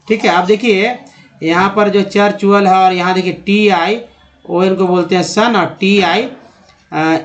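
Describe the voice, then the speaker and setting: A man, an English teacher giving a spoken phonics lesson, slowly spelling letters out and repeating each word for his viewers. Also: high-pitched. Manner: slow, repeats words and letters while explaining; addresses viewers as friends, checks in often.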